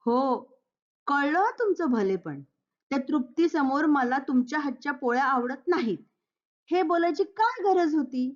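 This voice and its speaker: A woman's voice: high-pitched, lively intonation, unhurried, dull audio, voice pushed up. A woman voicing a hurt, defiant young daughter-in-law who answers back sharply, in a Marathi play reading. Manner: sharp retorts.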